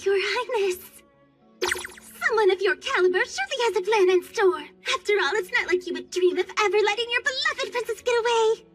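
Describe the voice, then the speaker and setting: A woman's voice: extremely high pitch, brisk. A woman playing a scheming, gushing young anime noblewoman in an overacted English dub. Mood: eager. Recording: distant sound under loud music.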